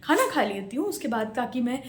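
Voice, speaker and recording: A woman's voice: high-pitched, very animated, fairly quick. A young woman doctor chatting casually through a daily vlog, mixing English phrases into her talk and often checking in with "theek hai". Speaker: doctor vlogger. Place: home and on the go.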